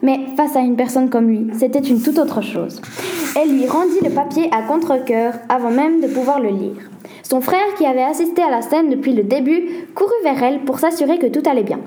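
High-voiced, mellow woman reading a story. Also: brisk, slight background noise. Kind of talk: story read aloud.

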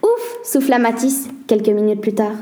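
A woman reading a children's mystery story aloud as a steady, even narrator. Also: sits high, a little fast.

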